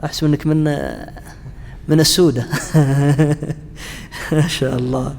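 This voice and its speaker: A man teaching a class on Quranic interpretation, pausing often with fillers and restarts and asking his students questions. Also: fairly high pitch, flat delivery, darkish tone, big-room sound. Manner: halting, frequent fillers and restarts, chats with students. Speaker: Islamic studies lecturer.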